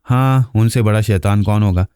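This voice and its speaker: Low, mellow male storyteller. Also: normal speed, clean tone, no room sound, clean studio sound. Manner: steady, even storytelling. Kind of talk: novel narration.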